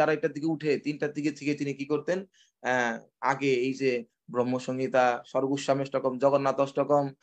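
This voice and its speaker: A man giving a devotional sermon, asking questions and answering them himself, and slipping into slow chants and recited verses. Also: mid-range voice. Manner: asks and answers his own questions. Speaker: preacher.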